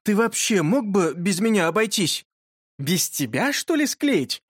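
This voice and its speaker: A man voicing an excitable, earnest schoolboy who presses hard with questions and bursts into shouting. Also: high voice, unhurried, slightly rough, no echo, clean studio sound, pitched above the performer's own voice, exaggerated voice. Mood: insistent.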